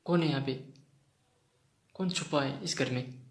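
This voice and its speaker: A man's voice: medium pitch, a little slow, close to an everyday voice. A man voicing a grumpy, easily startled husband in a demanding read-out. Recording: roomy echoey room.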